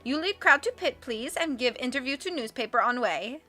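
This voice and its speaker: Fake fortune teller lady, phony accent, broken english, high voice, woman doing it. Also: animated, moderate pace, pushed and bright, faint music behind, full character voice. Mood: coaxing. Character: villain's female accomplice in fortune-teller disguise.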